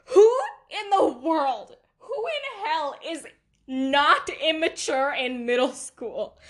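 Hosting a casual solo podcast, a woman with a non-native accent speaks in a fairly high, fairly bright voice. She takes her time, drifting between thoughts and laughing often at her own stories in a loose, self-deprecating way.

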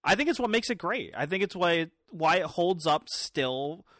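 A woman in her thirties in casual chat, animated and laughing often. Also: fairly low pitch, normal speed, no room sound, studio quality. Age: 30s.

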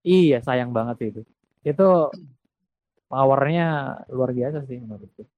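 A man talking about songwriting in a casual conversation, reflective and halting, restarting his sentences. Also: medium pitch, phone-quality sound.

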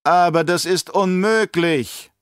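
A man voicing a scheming, terrified old baron, gasping and pleading in drawn-out words. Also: medium pitch, a bit bright, smooth, no room sound, clean studio sound. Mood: protesting.

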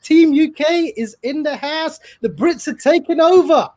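A man's voice: very high-pitched, expressive, measured pace, darkish tone, no echo. Showy joking man from the UK. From United Kingdom. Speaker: educator group leader. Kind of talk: casual video call introductions.

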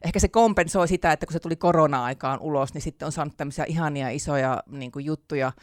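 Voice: mid-range voice, no echo, clean studio sound. Chatty laughing author speaker. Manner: chatty, many fillers, laughs often. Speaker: author and theatre teacher, interview guest. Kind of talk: casual interview chat.

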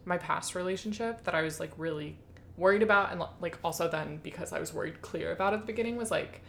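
A woman's voice: on the low side, fast, creaky, a bit bright, a little hiss or hum. A young woman co-hosting a podcast, chatting casually, with lots of "like" and laughter. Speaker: podcast co-host. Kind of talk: casual chat.

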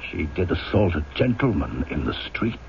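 An actor playing a rigid, coercive police inspector in an old-time radio drama, with clipped, formal, insistent questioning. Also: male voice, low-pitched, very animated, moderate pace, creaky, full character voice. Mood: sternly accusing. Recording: dull, noisy old radio broadcast.

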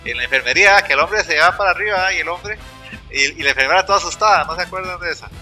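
Fast-talking bright-voiced Costa Rican man. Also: high-pitched, soft background music. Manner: fast, halting, many restarts. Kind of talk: casual chat.

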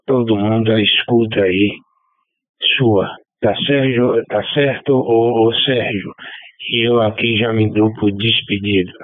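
A man with a Bahian accent, a ham radio operator, signing off in a courteous and unhurried way and spelling call signs over a two-way radio. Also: fairly low pitch, steady tone, dry recording. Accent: Bahian Portuguese. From Bahia, Brazil. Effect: heard over a two-way radio. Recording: narrow dry radio transmission.

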